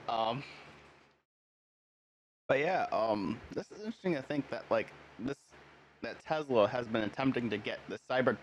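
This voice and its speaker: A man hosting a casual podcast, relaxed and quick to laugh, with many fillers. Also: on the low side, gravelly, a little hiss or hum. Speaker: podcast host. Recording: slightly muffled lo-fi audio.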